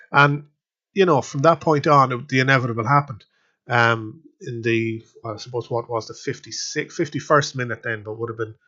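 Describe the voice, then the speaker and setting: A man's voice: mid-range voice, fairly bright tone. A man hosting a podcast, giving a casual spoken match review that rambles with many fillers and restarts. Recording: slightly dull lo-fi sound.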